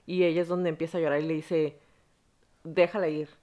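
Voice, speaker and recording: A woman's voice: sits low, flat delivery, fast talker, dark tone. A woman hosting a podcast, telling a story frankly in casual, slangy conversation with blunt profanity. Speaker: podcast host.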